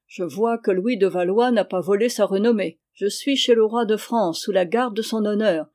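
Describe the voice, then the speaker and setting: A reader voicing an arrogant armored count in an audiobook, speaking calmly and with quiet menace. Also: medium pitch, close to an everyday voice. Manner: calm, measured, quietly threatening. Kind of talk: audiobook character reading.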